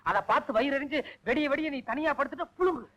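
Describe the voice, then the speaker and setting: An actor playing a bossy, stubborn elder brother in a village comedy, brusque and bickering. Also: male voice, extremely high pitch, quick pace, music in the background, poor audio. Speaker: head of the family, elder brother. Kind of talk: 1980s film comedy acting.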